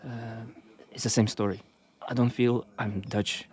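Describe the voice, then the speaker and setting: Halting, soft-spoken man from Russia. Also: mid-range voice, flat delivery, breathy edge. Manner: halting, searching for words with many pauses. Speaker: podcast guest. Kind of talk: casual conversation. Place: outdoors on a walking trail.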